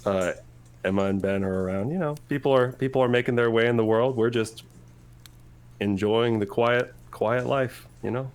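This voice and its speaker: A man playing a tabletop game, talking in a relaxed, trailing, hesitant way. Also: mid-range voice, moderate pace, clear, resonant tone. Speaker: player.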